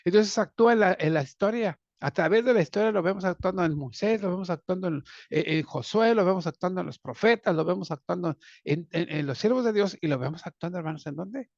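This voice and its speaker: A man's voice: high voice, brisk, gravelly, hardly any pauses, no echo. A man preaching a sermon as pastor, calling listeners brothers and asking them rhetorical questions. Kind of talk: sermon on a Bible lesson. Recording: dull, dry lo-fi sound.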